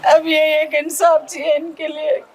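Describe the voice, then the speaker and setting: Distraught high-voiced woman pleading for justice. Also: level tone, slight background noise. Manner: distraught, pleading, rapid and broken. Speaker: victim's relative. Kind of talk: emotional interview answers. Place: outdoors by a police station.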